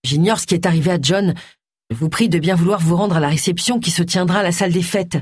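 A woman's voice: fairly low pitch, quick pace, darkish tone, slightly rough, dry recording, studio quality. A woman voicing an angry, distressed young man, a son who speaks in agitated outbursts. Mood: formal.

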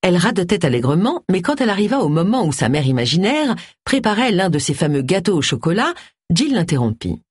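Expressive audiobook reader, varied intonation, dry studio sound. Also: medium pitch, a little fast, breathy edge, dry recording. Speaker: audiobook narrator. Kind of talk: scripted narration.

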